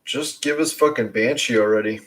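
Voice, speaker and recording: A man's voice: medium pitch, brisk, a bit bright, poor audio. A man in his forties co-hosting a casual podcast, laid-back with blunt quips. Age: 40s. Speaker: podcast co-host. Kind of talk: casual chat.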